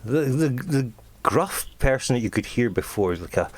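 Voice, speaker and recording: A man running a tabletop game as game master. He narrates the scene in a halting way and often repeats a word before going on. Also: mid-range voice, expressive. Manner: halting, repeats words when starting a sentence.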